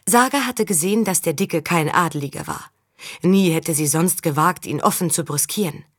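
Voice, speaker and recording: Low-voiced woman reading a novel. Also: normal speed, husky, no room sound, clean studio sound. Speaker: audiobook reader. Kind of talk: scripted narration.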